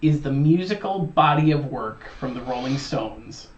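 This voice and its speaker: A woman co-hosting a live trivia night, reading questions and musing aloud in quick, chatty asides. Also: a bass voice, expressive, recorded from a distance. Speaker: trivia host. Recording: dull, echoey sound from off the mic.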